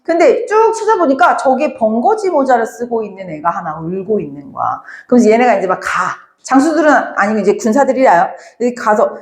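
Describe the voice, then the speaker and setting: A woman teaching a Korean literature class, lively and talking straight to her students, now and then acting out the characters' lines. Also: a little high, fairly quick, hardly any pauses, roomy sound. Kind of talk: classroom lecture.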